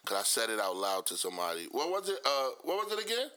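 Casting: man, podcast co-host, very bright and animated, loud joker. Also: medium pitch, fast talker. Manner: loud, joking, slangy. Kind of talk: casual podcast banter. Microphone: studio podcast mic.

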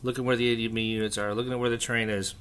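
A man hosting a casual, unscripted solo hobby chat, thinking aloud haltingly in an echoey, stripped-out bunker room. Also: mid-range voice, level tone, fairly bright tone, clean tone. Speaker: podcast host. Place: echoey indoor room under renovation, torn-out walls.

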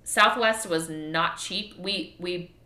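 A woman's voice: on the low side, slow, sharp tone. Frank, swearing woman chatting in echoey room. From Texas, USA. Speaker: vlogger. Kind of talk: casual chat to viewers.

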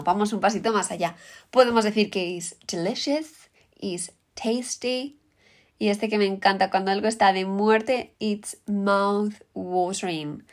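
A woman with a Peninsular Spanish accent giving an upbeat English lesson, explaining vocabulary and saying the example words in English. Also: mid-range voice. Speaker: English teacher. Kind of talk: language lesson.

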